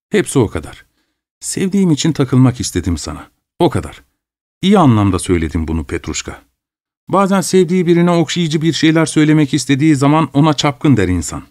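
A man's voice: mid-range voice, darkish tone, dry recording, voice pushed up, lightly acted. Man playing fussy nervous clerk, middle-aged, wheedling, explosive temper, dry close sound. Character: anxious, fussy middle-aged male clerk, easily enraged.

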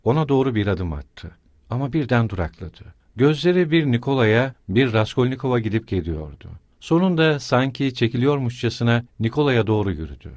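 Man reading a novel aloud; measured, expressive, animated pitch, dry studio sound. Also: no room sound. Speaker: audiobook narrator. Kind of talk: scripted narration.

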